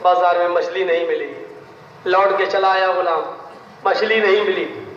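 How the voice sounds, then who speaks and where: High-voiced male preacher in a booming hall. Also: fairly even intonation, normal speed, fairly bright tone, slight background noise. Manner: storytelling, acting out the voices in his tale. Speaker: Islamic preacher. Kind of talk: sermon with told stories. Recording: echoey hall from far off, dull lo-fi.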